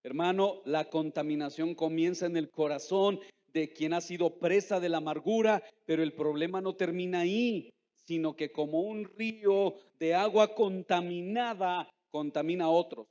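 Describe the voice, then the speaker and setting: Firing questions at his congregation, a pastor preaches an emphatic sermon in a fairly high yet darkish male voice, slowing down to draw out the key words he wants to land. The dull, lo-fi sound carries a long church reverb from the echoey hall.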